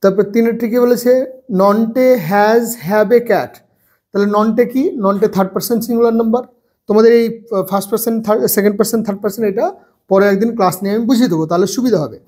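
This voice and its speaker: Slow, drilling male grammar teacher. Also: high-pitched, fairly even intonation, mellow. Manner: slow, spells words letter by letter; repeats phrases for drilling. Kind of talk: bilingual grammar lesson.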